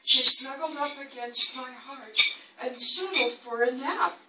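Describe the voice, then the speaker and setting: At an indoor book launch, a woman poet recites rhyming poetry in an unhurried, dramatic storytelling style, her voice sitting high, pushed and bright. The live recording is roomy and echoey, captured from a distant mic with faint noise.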